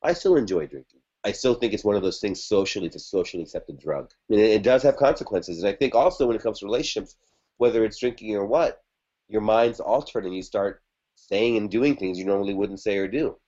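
A man's voice: on the low side, a little fast, warm tone. Man rambling through a story, dull audio. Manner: rambling, conversational, many fillers and restarts. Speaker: podcast guest. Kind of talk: casual storytelling about a past relationship.

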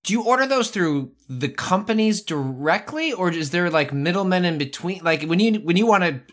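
A man's voice: high-pitched, animated, normal speed. A man hosting an interview, asking curious, loosely worded questions. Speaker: interview host.

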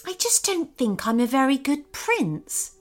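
A woman's voice: high-pitched, sing-song, a little slow, voice pushed up. Woman doing a glum, sighing young prince. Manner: quiet, sighing and self-doubting. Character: gloomy young male prince, soft-spoken and unsure.

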